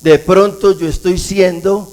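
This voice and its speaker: A man's voice: high-pitched, fairly even intonation, a little slow, a little mellow. A man preaching a sermon in a conversational way, often checking in with his listeners. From Colombia.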